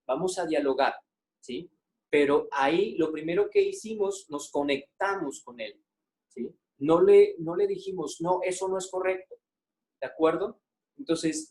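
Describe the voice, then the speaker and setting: Man speaking, on the high side. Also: darkish tone. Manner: conversational, asks the audience frequent check-in questions; many "eh" and "este" fillers. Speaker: psychologist giving a teacher webinar. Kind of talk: webinar talk.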